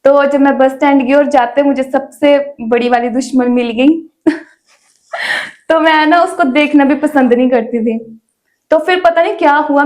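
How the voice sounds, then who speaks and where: A young woman with a high voice tells her faith testimony in a casual interview. She talks in a chatty way, with many small fillers between her words. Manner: chatty storytelling with frequent "ना" fillers. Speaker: guest sharing her testimony.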